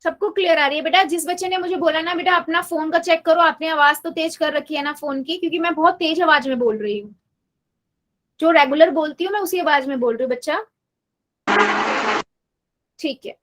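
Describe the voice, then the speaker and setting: A woman's voice: high voice, fairly quick, long pauses, a bit bright. A woman math teacher giving a live online class, patiently coaxing her students and repeating her questions, mixing English math terms into her Hindi.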